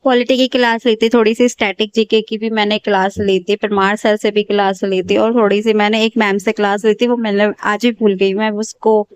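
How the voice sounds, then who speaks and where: A woman's voice: medium pitch, little pitch movement, a little fast, hardly any pauses, clean tone, dry recording. Chatty young woman vlogging her study day. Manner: chatty, rambling, frequent self-corrections. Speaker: exam aspirant vlogger. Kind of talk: casual daily study vlog narration.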